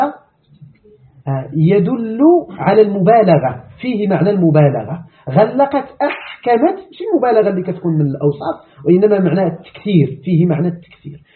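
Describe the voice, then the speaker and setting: A man with a Moroccan accent teaching Quran commentary in a religious lecture, explaining by repeating key words and asking rhetorical questions. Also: high-pitched. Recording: narrow phone-like lo-fi sound.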